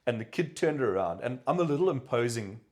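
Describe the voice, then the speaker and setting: A South African man hosting a podcast, chatting casually and telling lively stories. He slips into the voices of the people he quotes. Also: mid-range voice, fairly quick. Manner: animated storyteller, acts out quoted voices. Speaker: podcast host. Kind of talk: casual chat.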